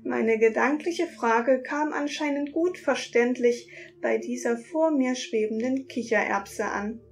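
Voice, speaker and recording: A woman narrating a bedtime story in the first person, calm and unhurried. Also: a little high, soft background music.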